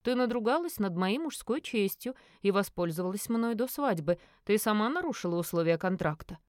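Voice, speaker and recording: A woman voicing a smug, teasing young man in an audiobook, in her own mid-pitched voice. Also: animated, a little fast, a little mellow, no echo, clean studio sound, natural voice.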